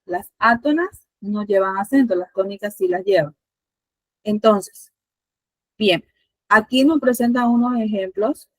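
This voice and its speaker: A woman's voice: mid-range voice, unhurried, long pauses, no echo, poor audio. A Spanish teacher with a Panamanian accent, a woman, patiently asking her students questions with many fillers.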